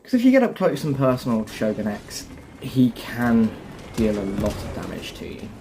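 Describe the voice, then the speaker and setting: This man's medium-pitched, mellow voice swings hugely in pitch and carries vocal fry as he casually walks viewers through a game step by step at a normal speed. There's slight background noise.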